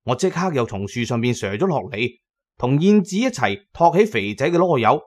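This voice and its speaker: A male audiobook narrator with a Cantonese accent tells an adventure dramatically, using a storyteller's delivery and colloquial turns. His mid-pitched voice is very animated and darkish in tone, at normal speed.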